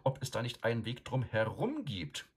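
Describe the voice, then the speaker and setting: A man voicing a small, anxious male hobbit who speaks hesitantly and whines softly. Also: mid-range voice, wildly swooping pitch, moderate pace, slightly rough, pitched above the performer's own voice, full character voice. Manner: hesitant, whiny, soft.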